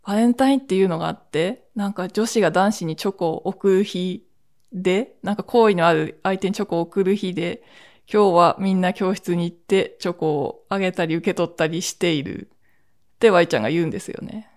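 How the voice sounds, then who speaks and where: A woman's voice: fairly low pitch, steady tone, a little mellow. Chatty woman host telling stories. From Akita, Japan. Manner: chatty, drawn-out storytelling with laughs and asides. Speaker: podcast host. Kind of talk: casual solo storytelling.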